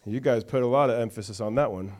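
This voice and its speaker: A man's voice: mid-range voice, fast talker, a little mellow. A man preaching a sermon to a church, reading scripture with call-and-response and chatty asides. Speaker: pastor.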